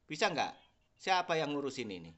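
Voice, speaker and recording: A man's voice: on the high side, very animated, a little fast, fairly bright tone. A man talking informally and bluntly as a customer on a muffled phone call. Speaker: customer phoning a bank call centre. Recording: muffled lo-fi telephone line.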